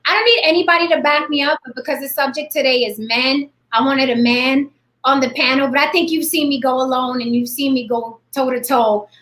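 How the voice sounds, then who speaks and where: Host type: woman in her 40s, brash and blunt, high bright voice, webcam in an echoey room. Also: fairly quick. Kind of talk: live online panel talk.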